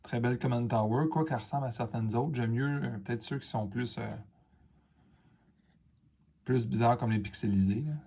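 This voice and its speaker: Unboxing cards on camera, a Quebec French-accented man reacts to every one in a casual, rambling chat full of fillers and asides. His voice is mid-range and dark-toned, at a moderate pace with frequent pauses.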